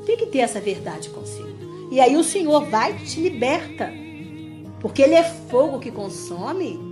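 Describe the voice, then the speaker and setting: Woman leading a Bible study, high voice, earnest and emphatic, with music underneath. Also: very animated, normal speed. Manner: earnest, emphatic, addresses listeners as "gente". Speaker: women's Bible study leader. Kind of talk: preaching to a small group.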